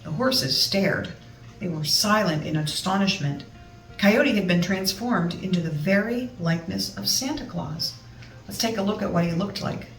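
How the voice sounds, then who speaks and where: A woman's voice: medium pitch, expressive, moderate pace. A woman reading a children's storybook aloud expressively, with chatty asides to her listeners. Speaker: storybook reader. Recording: roomy, distant mic, music behind.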